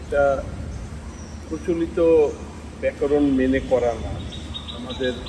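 A man interviewed outdoors among plants, explaining quickly and confidently. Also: medium pitch. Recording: distant outdoor mic with noise.

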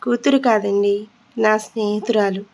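A woman voicing a young male prisoner on death row who answers quietly and with resignation. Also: mid-range voice, fairly even intonation, measured pace, creaky. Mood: resigned.

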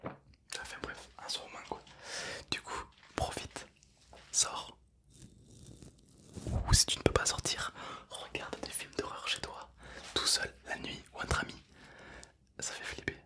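In a breathy ASMR whisper picked up by close stereo mics on either side of his head, a man in his 20s with a natural voice plays a calm, chatty, self-deprecating zombie who is only mock-menacing. He sounds musing and talkative, speaking slowly, hushed and playful as he rambles, in an indoor studio setup.

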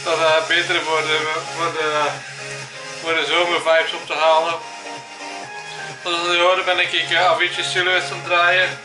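A man's voice: on the high side, monotone, normal speed, music in the background. A man in his twenties with a Flemish accent, chatting casually to his vlog and dropping in English phrases. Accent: Flemish Belgian. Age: 20s. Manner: peppers talk with English phrases. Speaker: vlogger. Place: small room at home. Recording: roomy, echoey home recording.

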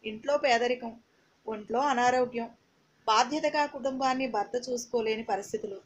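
A woman's voice: on the high side, rough recording. A woman narrating a first-person audiobook in an emotional, dramatic reading.

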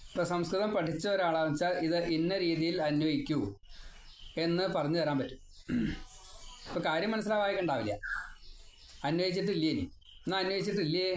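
A man giving a devotional scripture lesson. He chants verses slowly, then explains them in a rambling, personal way with wry asides. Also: a little high, slight background noise. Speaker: Bhagavatam teacher. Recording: echoey room with faint ambience.

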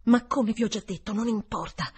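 A woman's voice: on the high side, a little fast, breathy edge, voice pushed up. A woman reading an audiobook and voicing an anxious, pleading middle-aged housekeeper in a raised, shaky voice. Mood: pleading, alarmed.

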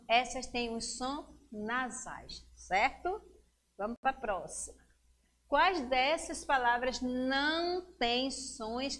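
A middle-aged woman teacher talks to young children in a slightly high voice. She speaks slowly and clearly and draws out each word she reads aloud, encouraging them as she goes. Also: fairly bright tone. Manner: slow, clear and encouraging, drawing out words for young pupils. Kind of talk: children's lesson on a local education channel.

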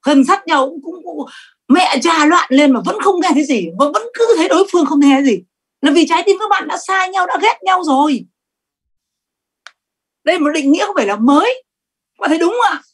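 A middle-aged woman giving a sales training talk, lively and emphatic, often asking the audience questions. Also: extremely high pitch, fairly quick, pauses often.

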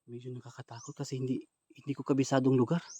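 A man filming a ghost-hunting vlog outdoors in a forest. He talks to his viewers in low, hushed asides and calls out loudly and urgently. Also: level tone, very fast, breathy edge, highs cut off. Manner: low hushed asides to the camera, then loud urgent calling out. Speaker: ghost hunter vlogger. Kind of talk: live walkthrough vlog addressed to viewers.

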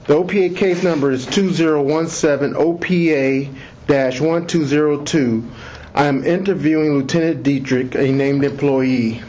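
A man's voice: a little high, a little mellow. Man reading an interview script on tape. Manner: slow, deliberate, measured reading. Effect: interview taped on an audio recorder, like an interrogation tape. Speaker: police lieutenant conducting an internal investigation interview. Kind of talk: formal official interview, reading set admonitions. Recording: muffled lo-fi interview recorder audio with faint hiss.

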